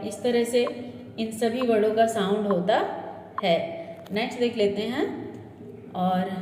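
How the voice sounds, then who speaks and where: A woman teaching English pronunciation in a classroom-style lesson, slowly drilling example words and checking in with her listeners. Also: fairly high pitch, a little mellow. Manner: checks in with "ठीक है" and "है ना". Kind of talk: classroom-style lesson explaining word sounds. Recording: echoey room with long reverb and faint hiss.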